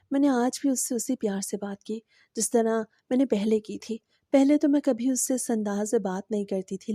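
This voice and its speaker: A woman narrating a first-person moral story in a steady, even storytelling manner. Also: medium pitch, no room sound, clean studio sound.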